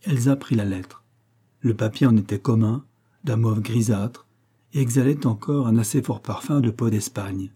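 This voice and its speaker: A man narrating a French novel as an audiobook in a steady, even storytelling manner. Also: mid-range voice, moderate pace, husky. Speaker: audiobook reader.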